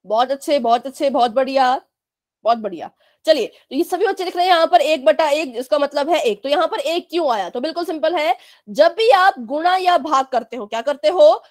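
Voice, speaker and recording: A woman's voice: sits high, brisk, a little mellow. A woman teaching fractions in a live online class for children, explaining patiently, repeating checks, and giving firm warnings about chat behavior.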